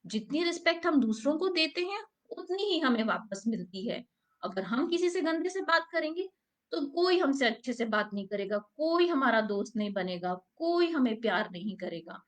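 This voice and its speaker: A woman teacher telling a story to young children, gently asking them questions along the way. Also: high voice, big pitch swings, normal speed. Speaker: preschool teacher.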